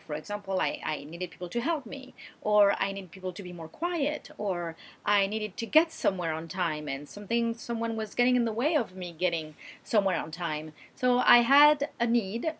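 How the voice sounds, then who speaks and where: A woman's voice: mid-range voice, a bit bright. Earnest woman blogger explaining. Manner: earnest, explanatory, frequent fillers and restarts. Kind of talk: direct-to-camera advice talk.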